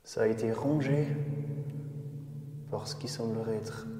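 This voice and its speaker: A man's voice: on the low side, unhurried, mellow. A man exploring an underground bunker and filming a vlog. He talks to his viewers nervously and cracks jokes, and the concrete rooms give his voice a cathedral-like echo. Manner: nervous, joking, talking to viewers. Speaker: urban explorer filming a video. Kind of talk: vlog narration while exploring. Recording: echoey underground bunker, long reverb, faint ambience.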